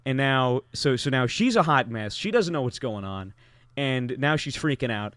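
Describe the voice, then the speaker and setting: A man's voice: medium pitch, animated, normal speed, fairly bright tone, dry recording. Rambling young man telling a story. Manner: rambling, many fillers and restarts. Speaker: podcast guest storyteller. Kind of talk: casual podcast storytelling.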